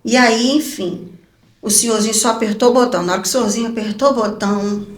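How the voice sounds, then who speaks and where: A woman with a fairly high voice tells her personal testimony as a guest evangelist. She is expressive, laughs often and acts out her own quoted lines. The recording has a roomy echo. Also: fast. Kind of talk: animated personal testimony storytelling.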